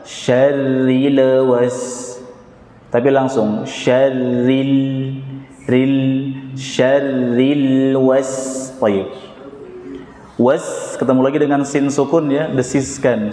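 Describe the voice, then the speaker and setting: A man's voice: mid-range voice, fairly even intonation, measured pace, dark tone. A man teaching Quran recitation with an Indonesian Jakarta accent, patiently modeling each sound and having students repeat it. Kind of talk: tajwid lesson with call-and-response drills. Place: prayer hall. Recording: echoey hall, reverb.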